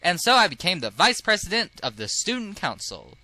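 A man's voice: high-pitched, very animated, fairly quick, sharp tone. A man casually commenting as he plays through a dating game, chatty and giggly. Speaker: let's play host.

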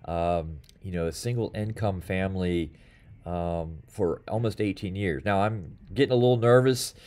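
A man's voice: deep voice, moderate pace, a little mellow. A man in his fifties, a pastor, giving casual church announcements from a small office, rambling with many fillers and restarts. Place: small office with bookshelf and blinds. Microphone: webcam or phone at desk, close framing.

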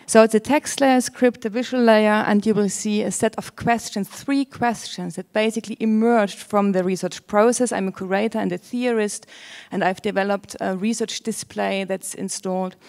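A woman in her forties, a native German speaker with a German accent, gives an academic presentation as a curator, theorist and panel speaker, partly reading from a script. She uses a handheld microphone on an auditorium stage before an audience. Her voice is medium-pitched and a little mellow, with fairly even intonation at normal speed.

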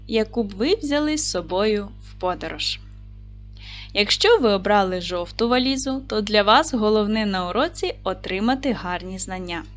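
A woman teaching a recorded lesson for primary school children, speaking clearly and patiently to the class. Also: mid-range voice.

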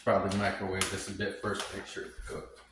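A man's voice: deep voice, monotone, brisk. A man in his forties hosting a casual cooking vlog, talking to himself in a wry, crude way as he cooks in his home kitchen. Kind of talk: casual joking cooking commentary. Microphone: camera across the room. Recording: echoey kitchen with background noise.

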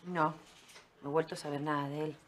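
A woman's voice: low-pitched, fairly even intonation, fairly quick, slight background noise, natural voice. An actress playing an anguished middle-aged mother, pleading and distressed. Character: anguished mother, wronged wife. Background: soap opera background music.

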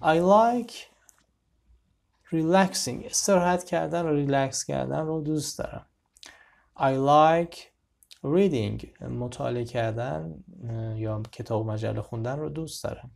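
A man with a mid-range, slightly mellow voice teaches a beginner English lesson. He says each example sentence slowly and clearly, then explains it in a conversational way.

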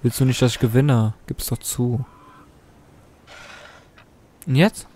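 A young man casually commenting on his gameplay, excitable, taunting and swearing at the game's characters. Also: medium pitch, slow pace. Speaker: let's play host.

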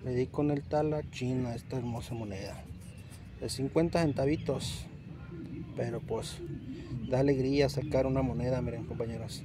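A man's voice: medium pitch, fairly even intonation, normal speed. A man with a Mexican accent chatting to viewers as he searches with a metal detector outdoors beside a river, repeating himself as he points things out. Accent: Mexican Spanish. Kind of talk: casual narration to viewers while detecting. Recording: loud outdoor background noise. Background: loud outdoor ambience.

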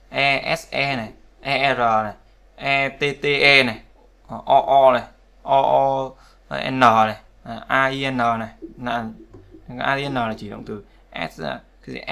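Male language teacher with a gravelly, bright voice, explaining patiently and repeating examples. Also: medium pitch. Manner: repetitive, conversational, checks with "đúng không?". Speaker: English pronunciation teacher. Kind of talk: explaining word stress in a lesson.

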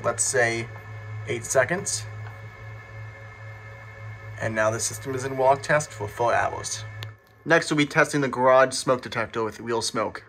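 A man's voice: mid-range voice, a bit bright, poor audio. A man giving a casual, technical walkthrough in a matter-of-fact way, recorded on a handheld phone around a home garage. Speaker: hobbyist demonstrator. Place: home garage and adjoining rooms, handheld camera.

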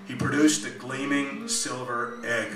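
A man reading his own novel aloud at a live club event, with dry, deadpan asides. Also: mid-range voice, measured pace, over music. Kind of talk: live comic fiction reading. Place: small music club. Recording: echoey club, mic at a distance.

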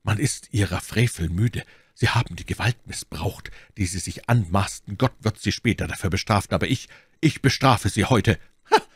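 A man's voice: low voice, lively intonation, a little fast, breathy edge, no room sound, studio quality. Man playing a curt, zealous young officer. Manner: curt and pressing. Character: intense young puritan officer, grim and zealous. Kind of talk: audiobook character voice.

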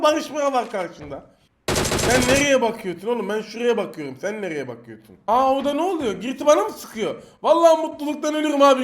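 A young man with a very high voice calls out a mobile shooter game as he plays it. He mocks and teases his opponents and keeps breaking into sudden loud shouts. Gunfire from the game stays clearly audible behind him. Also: background noise. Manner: teasing, playful trash talk with sudden outbursts at enemies. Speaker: mobile shooter gameplay streamer. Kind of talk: excited gameplay commentary.

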